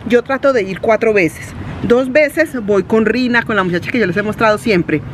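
A woman's voice: a little high, normal speed, a little hiss or hum. A woman in her forties chatting casually to her phone camera from a parked car, talking loosely with rambling asides. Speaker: vlogger. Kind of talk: casual vlog chat. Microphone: phone at arm's length.

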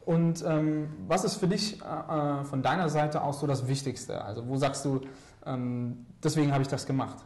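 A man's voice: on the high side, steady tone, moderate pace, hardly any pauses, a little mellow, roomy sound. A young man hosting a student TV studio interview, asking questions with many fillers and hesitations. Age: young adult. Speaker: host. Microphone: lapel mic.

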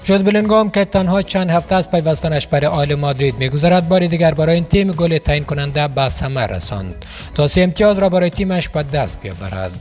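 A man's voice: on the high side, expressive, faint music behind. A man narrating scripted football news in a formal newsreader manner, as a studio voice-over.

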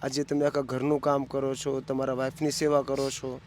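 A man interviewing a family for a charity, asking gentle and consoling questions. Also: mid-range voice, completely flat delivery, normal speed, slight background noise.

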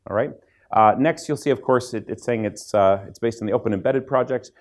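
A man's voice: mid-range voice, brisk, darkish tone. A man teaching a conference seminar, explaining at length with frequent fillers, restarts and asides to the audience. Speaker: seminar instructor. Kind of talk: technical conference lecture.

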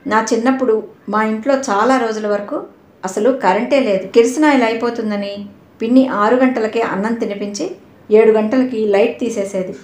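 A woman voicing a reserved, guarded young man in an audio novel, speaking in a curt, low-key way. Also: fairly even intonation, normal speed, a little mellow, close to an everyday voice. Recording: roomy echo.

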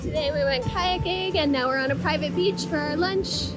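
A woman's voice: high voice, normal speed, over loud music. A woman in her twenties chatting casually to a camera at arm's length outdoors on a beach. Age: 20s. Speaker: vlogger. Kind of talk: casual travel vlog.

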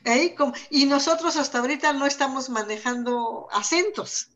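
A woman's voice: sits high, moderate pace, a bit bright. A woman from the Sierra Norte of Oaxaca, a Zapotec language teacher, explaining in conversation and thinking aloud with fillers and repeated words. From Sierra Norte of Oaxaca, Mexico. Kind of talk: conversational discussion.

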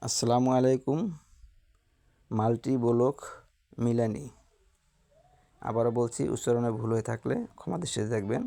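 A woman vlogger from Bangladesh with a Bangladeshi Bengali accent, reading viewer comments aloud in a slow, earnest, casual way and blessing each commenter by name. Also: extremely low pitch, fairly even intonation, vocal fry, dark tone. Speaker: lifestyle vlogger.

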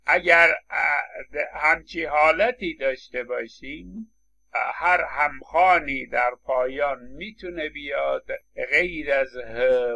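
A man's voice: mid-range voice, vocal fry, pushed and bright. A man lecturing on English phonetics, explaining step by step with frequent hesitation fillers. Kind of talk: university lecture.

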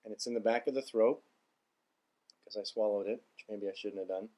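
A man's voice: on the low side, fairly even intonation, a little fast, dark tone, muffled recording. A man in his thirties talking to camera in a taste-test vlog, his mouth burning from spicy food, pained and short of breath. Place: small indoor room lined with bookshelves.

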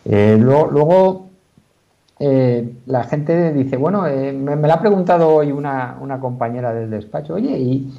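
Speaking from his office over a dull, lo-fi video call, a lawyer patiently explains a legal question, with many fillers and restarts. His medium-pitched voice is mellow, dark, and gravelly, and he keeps a measured pace.

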